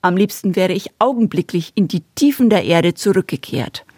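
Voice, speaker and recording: A woman narrating a children's story in a calm, gently expressive way, in the first person. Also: fairly low pitch, normal speed, husky, no room sound, studio quality.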